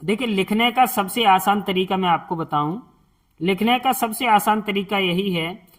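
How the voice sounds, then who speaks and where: A woman teaching reading as a lesson, saying each word slowly and repeating it, then explaining the letters patiently step by step. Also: mid-range voice. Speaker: Hindi teacher.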